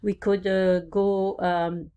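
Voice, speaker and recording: A woman from France gives an informal project presentation in a halting, hesitant way, with many pauses. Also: medium pitch, level tone, dark tone, clear, resonant tone. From France (Normandy).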